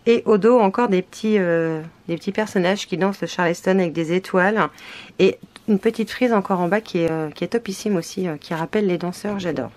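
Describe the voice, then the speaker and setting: In a casual unboxing chat, a French scrapbooker shows craft papers while speaking hesitantly with many fillers. She talks a little fast in a fairly low, darkish voice, and a little hiss or hum can be heard.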